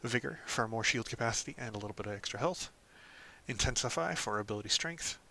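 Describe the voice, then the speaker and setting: Bright-voiced man walking through a game build. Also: mid-range voice, fast, creaky. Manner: relaxed, lots of ums and "of course". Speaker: gaming channel host. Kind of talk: casual game guide walkthrough.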